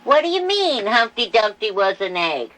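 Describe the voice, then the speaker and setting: An actress playing an eccentric old woman obsessed with eggs, who talks in a loud, whiny, sing-song way. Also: fairly high pitch, very animated, moderate pace, faint music behind, poor audio. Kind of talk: cult film acting.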